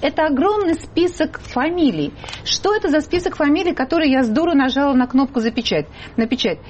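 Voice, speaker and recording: A woman presents a broadcast talk show with an animated, emphatic delivery. Her pitch is slightly raised and moves about a lot. A faint hiss runs under the recording. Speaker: host.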